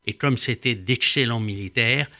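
Older man, bright voice, hesitant explaining. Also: mid-range voice, normal speed. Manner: hesitant with frequent "euh", explanatory. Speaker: former diplomat guest. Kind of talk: radio interview.

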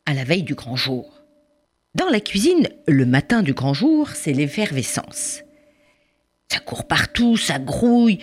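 Brief: woman storyteller, lively pitch, animated, hesitating with fillers. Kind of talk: oral storytelling.

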